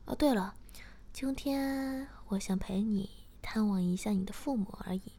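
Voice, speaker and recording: A woman's voice: medium pitch, measured pace, dark tone, lightly acted. A woman reading the lines of a teasing, self-assured young man in a spoken story, in her own voice.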